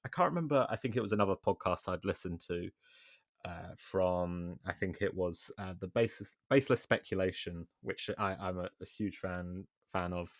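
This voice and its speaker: A man's voice: sits low, moderate pace, no echo, studio quality. A man speaking as a podcast guest in casual chat, hesitant and trailing off with fillers.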